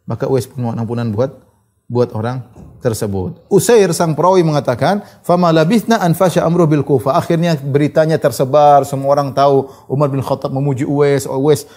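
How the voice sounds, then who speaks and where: A male preacher tells a story in a sermon, quoting Arabic lines and then translating them in a lively storytelling manner. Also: a little high, a little fast. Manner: animated retelling, quotes Arabic then translates. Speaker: Islamic preacher.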